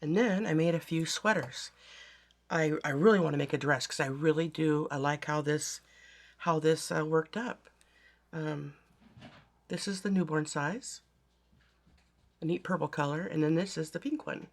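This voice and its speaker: A yarn crafting vlogger, hoarse from a bad cold with a raspy voice, chatting casually to viewers about finished projects. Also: mid-range voice, moderate pace, long pauses. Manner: chatty, meandering, talks to viewers directly. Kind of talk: casual show-and-tell vlog.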